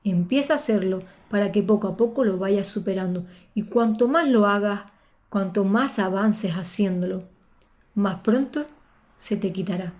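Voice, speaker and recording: Woman, Spain Spanish accent, spiritual coach; expressive motivational storyteller, mid-pitched, leans on repetition. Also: normal speed. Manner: expressive, repeats words for emphasis.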